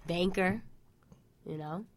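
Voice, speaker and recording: Young woman from queens w the accent, kinda low voice, just chatting as a cohost. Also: takes it slowly. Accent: Queens, New York. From Queens, New York. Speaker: co-host of a wrestling talk show. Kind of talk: casual chat.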